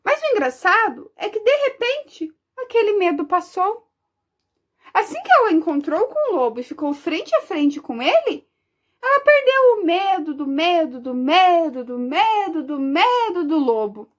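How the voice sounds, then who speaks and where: A preschool teacher from Brazil telling a story to young children in an expressive, sing-song way. She is a woman with a very high voice that rises and falls widely. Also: a little slow.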